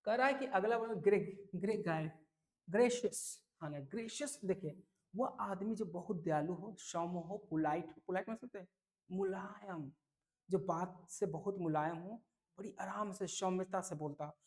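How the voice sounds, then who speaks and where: A man teaching English vocabulary for an entrance exam, lively and repetitive, often checking whether students follow. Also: sits high, moderate pace. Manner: lively, repeats key words, asks "clear?" often. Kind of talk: exam-prep vocabulary lesson.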